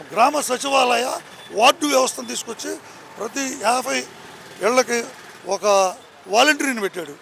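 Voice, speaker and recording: A man's voice: very high voice, vocal fry, a bit bright, slight background noise. A man giving a heated political opinion to a reporter on a city street. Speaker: member of the public. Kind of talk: street interview answer.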